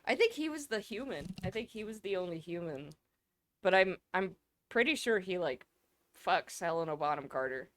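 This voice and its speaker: A woman co-hosting a casual podcast, rambling and excitable, swearing freely. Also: fairly low pitch, normal speed. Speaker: podcast co-host. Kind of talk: casual chat.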